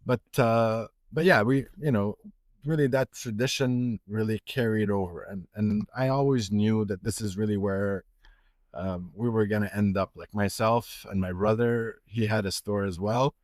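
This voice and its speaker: A man's voice: fairly low pitch, fairly even intonation, moderate pace, a little mellow, no echo, clean studio sound. A middle-aged man from Egypt, a watch retailer, talking casually in a podcast interview with many fillers and restarts.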